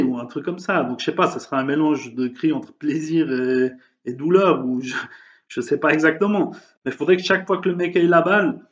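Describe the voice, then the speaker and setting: With a slightly high voice and the highs cut off in the recording, a man vlogs his opinions on current events. His monologue is heated and emphatic, though he pauses frequently to fill with hesitations.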